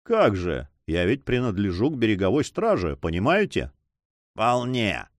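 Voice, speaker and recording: Guy reading cocky coast guard captain, smug, pitch bouncing all over. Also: huge pitch swings, moderate pace, no room sound, studio quality. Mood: boastful. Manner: self-satisfied, swaggering. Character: boastful Spanish coast guard captain, man.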